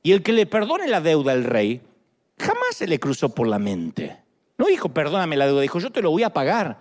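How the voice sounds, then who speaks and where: A man in his fifties with an Argentine accent, preaching a sermon in a lively, joking way. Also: on the high side, moderate pace. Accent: Argentine Spanish. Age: 50s. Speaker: pastor.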